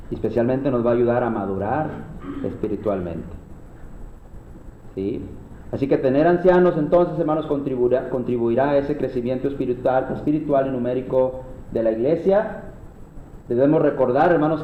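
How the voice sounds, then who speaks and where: A man with a Mexican Spanish accent preaches earnestly to a church class, often calling on his brothers. His voice rings through a reverberant room. The recording is muffled, with a faint hiss behind it. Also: medium pitch. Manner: earnest, repeatedly addresses listeners as brothers. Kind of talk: sermon-style Bible class. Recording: echoey room, dull lo-fi sound.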